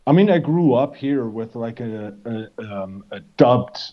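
A man co-hosts a podcast, chatting casually. He rambles, restarting sentences and filling them with "like". His medium-pitched voice comes through slightly muffled and lo-fi. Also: expressive, a little slow. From Germany. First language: German. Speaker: podcast co-host. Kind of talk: casual chat. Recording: slightly dull lo-fi sound.

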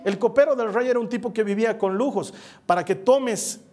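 A high-pitched man delivers a sermon as a lively story. He acts out other people's voices, then sinks to a near hush to drive a point home. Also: brisk. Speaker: preacher.

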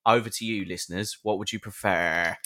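A man's voice: fairly low pitch, steady tone, fairly quick, sharp tone. Rambling British man hosting live. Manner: rambling, playful, restarts often. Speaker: podcast co-host. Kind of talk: casual live chat with listeners.

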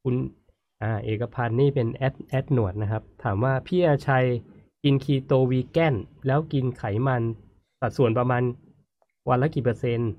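A man's voice: mid-range voice, moderate pace. Easygoing male host reading questions, muffled remote line. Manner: relaxed, soft agreeing murmurs. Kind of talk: hosting a panel talk and reading viewer questions. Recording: dull lo-fi remote audio.

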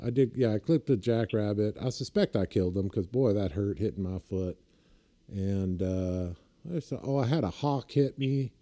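Dark-voiced, low-pitched man telling rambling stories. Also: normal speed. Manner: rambling storyteller, laughs at his own anecdotes. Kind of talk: casual chat.

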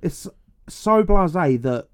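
A man's voice: sits high, lively intonation, slow, smooth. A man chatting casually and bluntly, swearing and telling anecdotes with reported quotes. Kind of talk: casual chat.

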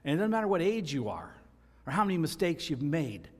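A man's voice: a little high, very animated, fairly quick. A man preaching a sermon as pastor, earnest and emphatic, repeating key phrases for stress. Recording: long reverb of a large hall.

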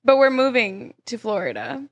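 A young woman co-hosts a podcast, quick to laugh and reacting to her partner with amusement. Her voice sits a little high and swings widely in pitch. She keeps the chat easy and playful. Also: sing-song, dull audio. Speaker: podcast co-host. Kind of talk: casual chat.

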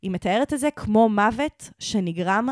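A woman's voice: medium pitch, expressive, no echo, studio quality. A woman with an Israeli accent chatting casually as a podcast co-host. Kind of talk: casual conversational podcast chat.

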